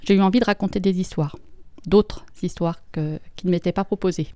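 Woman, writer, interview answers, thoughtful, pauses with fillers, warm tone, resonant, dry sound. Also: on the low side, steady tone, no room sound, faint music behind. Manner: thoughtful, pauses with fillers, speaks plainly to children.

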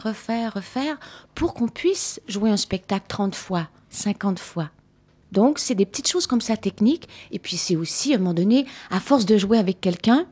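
Speaking in a darkish, medium-pitched voice, a Canadian stage actress takes questions from children after a show. She is patient in describing theatre work and repeats words to underline them.

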